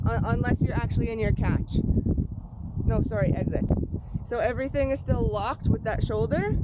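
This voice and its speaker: Careful, unhurried high-voiced woman coaching outdoors. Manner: careful, unhurried step-by-step delivery. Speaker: paddling coach. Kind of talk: hands-on sports instruction. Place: outdoors on a boat. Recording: very noisy outdoor recording.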